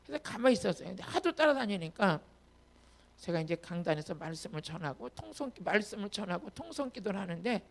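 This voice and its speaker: A woman pastor giving an emphatic sermon with personal testimony, her delivery rising to loud commands. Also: medium pitch, sing-song, quick pace, vocal fry.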